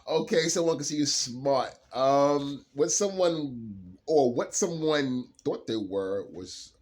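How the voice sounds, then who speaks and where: A man doing a late-night solo card reading, rambling and laughing often as he drawls through his thoughts. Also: medium pitch. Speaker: card reader.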